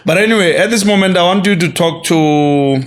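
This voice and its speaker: A man from Botswana hosts a casual interview. His voice runs a bit high for a man. He chats freely and backs his guest with frequent agreement. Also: a little fast. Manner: chatty, agrees often. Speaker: interview host.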